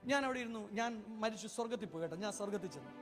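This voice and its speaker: High-voiced fervent evangelist preacher. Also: male voice, expressive, racing, faint music behind. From Kerala, India. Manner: fervent, storytelling preacher, swells to loud cries. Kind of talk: sermon.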